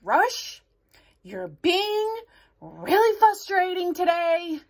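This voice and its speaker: A woman's voice: very high voice, sing-song, very slow, full character voice. A woman playing an exasperated, sensible friend in a children's comedy skit, reacting with stammering disbelief.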